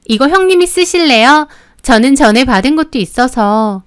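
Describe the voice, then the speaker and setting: Woman playing a young sister-in-law, sweetly mocking, high light voice, smooth and clear. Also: expressive, moderate pace, no echo, studio quality. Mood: smug. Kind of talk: scripted storytelling.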